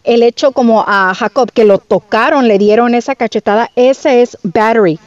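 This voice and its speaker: A woman's voice: a little high, normal speed, no echo, highs cut off. A woman lawyer explaining legal terms in casual radio chat, switching between Spanish and English words. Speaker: lawyer guest.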